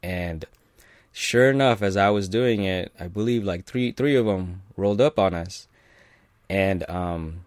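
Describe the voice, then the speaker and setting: Low-voiced guy from california rambling thru a story, lots of ums and chuckles, dry sound. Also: a little slow, dry recording. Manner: rambling, many fillers and restarts, chuckles often. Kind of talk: casual personal anecdote.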